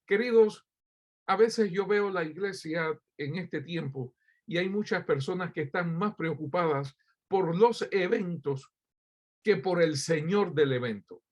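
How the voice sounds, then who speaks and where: A man's voice: sits high, measured pace. A man from Cuba preaching a sermon as pastor, addressing listeners directly with rhetorical questions and frequent hesitant fillers.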